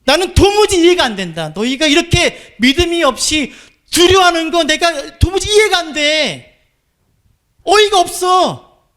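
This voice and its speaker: A man's voice: very high-pitched, sing-song, normal speed, few pauses, fairly bright tone, pitched above the performer's own voice, full character voice. A man voicing Jesus as an earnest grown man teacher, speaking plainly and from the heart in the first person. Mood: exasperated.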